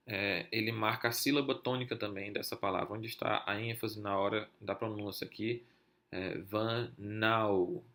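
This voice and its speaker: A man's voice: on the low side, creaky, a bit bright. A man teaching a lesson for a podcast, explaining step by step with many filler sounds and checking "certo?" with listeners, in Brazilian Portuguese. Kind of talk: explaining Hebrew accents over a text.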